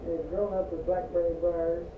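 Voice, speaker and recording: A woman's voice: on the low side, level tone, fairly quick, crowd noise. Older woman, Appalachian accent, casual storytelling, far from the mic, roomy echo. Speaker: family member reminiscing. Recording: echoey, distant, noisy, phone-like home recording.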